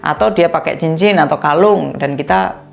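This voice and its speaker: A woman giving an instructional talk on youth coaching, acting out sample conversations with a lifted, lively voice. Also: normal speed, creaky, highs cut off, soft background music. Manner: acts out sample dialogues with rising lively pitch. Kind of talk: instructional talk with role-play examples.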